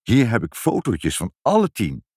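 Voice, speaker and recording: A man voicing a fussy elderly male civil servant, a grandfather who talks gruffly and gets muddled, in a storybook reading. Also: mid-range voice, huge pitch swings, moderate pace, darkish tone, dry recording, studio quality. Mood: doting. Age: older. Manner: gruff, then doting and muddled.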